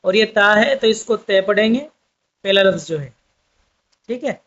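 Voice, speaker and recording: A man's voice: high voice, moderate pace, a bit bright. A man teaching an online language lesson, explaining patiently and repeating each point for his viewers. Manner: patient, repetitive explaining, addresses viewers as friends. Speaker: Urdu teacher. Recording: dull lo-fi sound.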